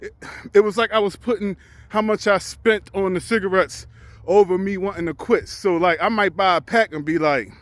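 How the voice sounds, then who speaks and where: A man in his forties speaks in a fairly high voice, candid and reflective, with a casual vlog feel. He works his thoughts out loud and restarts sentences as he goes. The sound is close and dry, with little room in it. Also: normal speed, dry recording. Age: 40s. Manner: talks while out on a walk. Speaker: truck driver.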